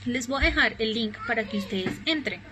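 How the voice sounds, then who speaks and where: A woman's voice: fairly high pitch, lively intonation, noisy background. Patient Spanish-speaking woman teaching English. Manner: patient, repeats examples slowly. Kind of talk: recorded online class explanation.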